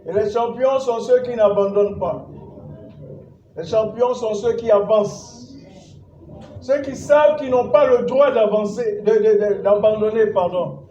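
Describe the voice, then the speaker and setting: In church, a man with a high, warm voice preaches a sermon as pastor at an unhurried pace and with fairly even intonation. He exhorts the congregation, repeats phrases and trades calls and responses with them. The distant mic captures an echoey church hall with dull sound and slight background noise.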